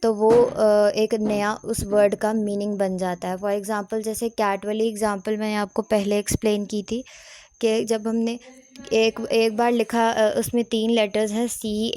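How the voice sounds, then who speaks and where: A woman's voice: fairly high pitch, darkish tone, dry recording. Woman teaching grammar in a dry close voice. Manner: explains step by step, slow on English headings. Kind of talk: recorded lecture.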